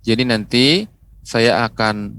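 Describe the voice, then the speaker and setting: A man's voice: medium pitch, fairly bright tone. A man teaching Quran letter pronunciation on a TV lesson, patiently repeating syllables and tagging his phrases with "ya". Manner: patient, repeats syllables slowly with frequent "ya" tags. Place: TV studio.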